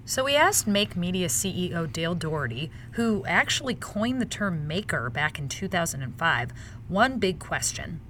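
A woman co-hosting a news podcast, moving between scripted reads and casual chat with an expressive delivery. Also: on the low side, moderate pace, slight background noise. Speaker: podcast co-host.

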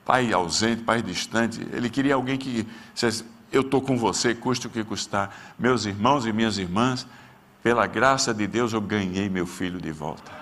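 A pastor, preaching a sermon and telling a personal story with strong feeling. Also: male voice, moderate pace, a bit bright. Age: 60s. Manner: emotional storytelling, voice rising in pitch at peaks.

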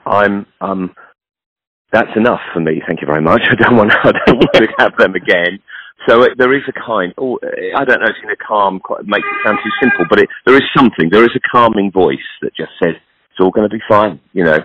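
A man's voice: on the low side, fairly quick, no room sound, dull audio. A man in his sixties, a clothing entrepreneur talking frankly in a casual, rambling way. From British. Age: 60s. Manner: frank, rambling, self-deprecating. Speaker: podcast guest, clothing entrepreneur. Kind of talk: casual conversation.

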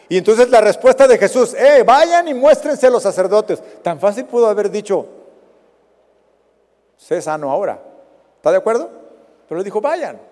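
A high-pitched Mexican man preaching with a lively, swooping delivery. His voice carries a long reverberant tail from a church hall. He climbs to loud peaks, then drops off almost to a murmur. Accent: Mexican Spanish. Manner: animated preaching with dramatic rises and fades. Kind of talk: sermon.

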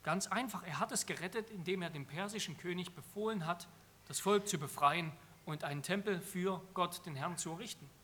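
A man's voice: high-pitched, fairly quick, a bit bright, slight background noise. A man preaching an earnest sermon on a psalm, emphatic and often repeating phrases for stress.

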